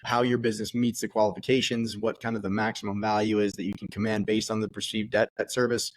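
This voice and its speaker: A man co-hosting a podcast, explaining things in an energetic, slangy, casual way with many fillers. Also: fairly low pitch, fast, no echo. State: out of breath. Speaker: podcast co-host.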